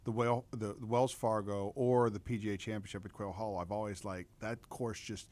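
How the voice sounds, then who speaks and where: A man speaking as a guest on a podcast, telling stories in an animated, enthusiastic way. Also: on the low side, normal speed. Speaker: podcast guest, state legislator. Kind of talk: casual podcast chat.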